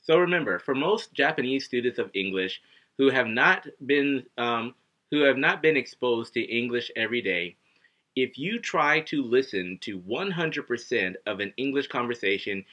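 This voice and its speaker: At home in his living room, a thirtysomething man teaches English to camera in a casual video lesson, at medium pitch and a moderate pace. He gestures constantly and animatedly acts out scenes as both the students and himself, captured on dull, lo-fi webcam audio.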